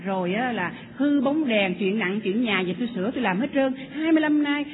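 A woman's voice: fairly high pitch, animated, fairly quick, slight background noise, lightly acted. A woman voicing a baffled middle-aged husband, listing his deeds in a matter-of-fact way. His words ring out in an echoey hall and come through a thin, phone-like line. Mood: defensive.

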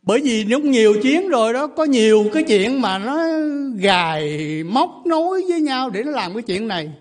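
A man's voice: very high-pitched, sing-song, moderate pace. A man, preaching a sermon as a pastor, telling a story and leading a prayer earnestly. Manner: earnest storytelling, acting out voices in quotes. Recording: faint mains hum.

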